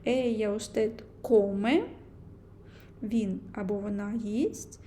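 A young woman teaching a language lesson, explaining grammar slowly and carefully, with frequent hesitations. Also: mid-range voice, steady tone, dark tone, slight background noise.

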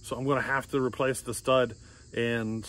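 A man's voice: medium pitch, level tone, moderate pace, fairly bright tone. A man in his forties talking casually about a chainsaw build outdoors in a yard, rambling with fillers and chuckles. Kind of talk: casual workshop vlog. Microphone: camera close up, handheld.

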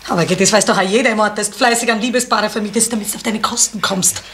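An actress playing a scolding, bossy village innkeeper in a 1970s radio drama. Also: female voice, medium pitch, fairly even intonation, close to an everyday voice. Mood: scornful. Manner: scolding, bossy, quick to shout. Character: sharp-tongued village innkeeper woman. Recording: echoey, hissy 1970s radio play.

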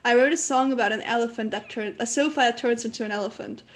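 A young woman, a singer-songwriter, chatting casually as a podcast guest, talkative and quick to laugh at herself. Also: on the high side. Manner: chatty, laughs often, self-deprecating.

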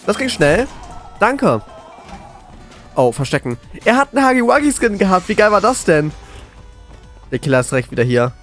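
A man with a fairly high, very animated voice plays the scared horror game streamer. He is jittery and excitable, repeating words as he reacts live. Music plays faintly behind him. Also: normal speed, long pauses. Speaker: gaming video creator.

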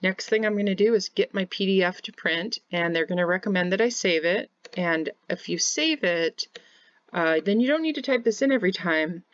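Walking through labels one step at a time, a Kansas woman who teaches home bakery business records a screen-share software tutorial through a corner webcam. She speaks at normal speed in a voice on the low side, with no echo but a lo-fi sound.

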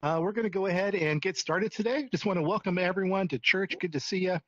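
A man with a slightly raised pitch, welcoming a congregation in a relaxed, chatty, upbeat way. His voice sits very dry and close. The sound is dull and lo-fi, as if through a headset. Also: quick pace, no room sound. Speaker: pastor and host. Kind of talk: casual church welcome. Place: virtual reality chat room.

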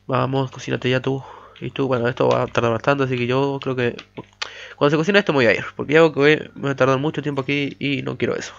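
A man's voice: mid-range voice, fairly even intonation, quick pace, creaky. A man giving chatty let's play commentary while mining, humming "pa pa pa" to himself. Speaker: gamer. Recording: dull lo-fi mic audio.

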